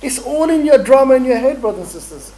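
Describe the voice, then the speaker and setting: A middle-aged man leading a training workshop, animated and bantering, acting out street encounters as he talks. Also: very high voice, quick pace, rough recording. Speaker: dawah trainer. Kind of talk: energetic workshop talk.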